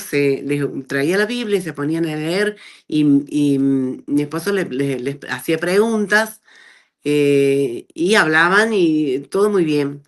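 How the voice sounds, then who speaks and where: A middle-aged woman with an Argentine accent, telling her personal testimony in a conversational way and acting out the dialogue she quotes. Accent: Argentine Spanish. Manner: animated storyteller who acts out quoted dialogue with big pitch jumps. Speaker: guest giving a testimony.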